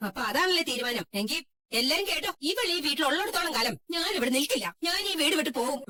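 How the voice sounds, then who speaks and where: A woman's voice: high-pitched, expressive, fast, sharp tone. Woman voicing a furious stern mother. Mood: angry. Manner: harsh, scolding and defiant. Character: stern, furious middle-aged mother of the household. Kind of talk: dubbed TV serial dialogue.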